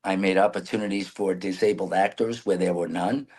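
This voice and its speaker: Earnest New man, low voice. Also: steady tone, fairly quick, darkish tone, husky, low-quality recording. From New York City. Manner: earnest, rambling with restarts. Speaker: mayoral candidate guest. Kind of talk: interview answers.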